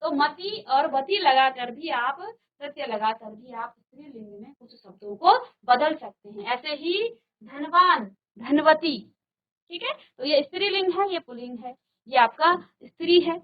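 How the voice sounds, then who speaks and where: A woman teaching a grammar lesson to a virtual class, slowly and patiently, repeating word pairs and asking the class questions. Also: sits high, animated, muffled recording. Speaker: Hindi teacher. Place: studio.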